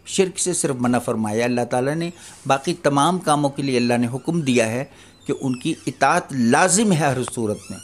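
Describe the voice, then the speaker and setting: An older man giving an earnest religious lecture, admonishing his listeners and posing rhetorical questions. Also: mid-range voice. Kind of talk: Islamic lecture on parenting.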